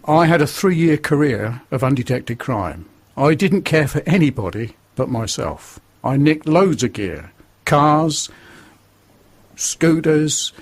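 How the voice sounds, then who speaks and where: An older man with a northern English accent, telling his life story earnestly as a radio guest. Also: fairly high pitch. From northern England. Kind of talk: testimony in a radio interview.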